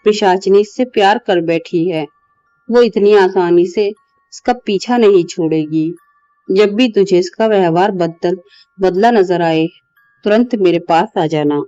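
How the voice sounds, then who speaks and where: A woman's voice: mid-range voice, measured pace, dark tone, no echo, highs cut off, faint music behind, lightly acted. A woman playing a stern male exorcist who gives firm orders in a horror story. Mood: commanding. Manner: commanding.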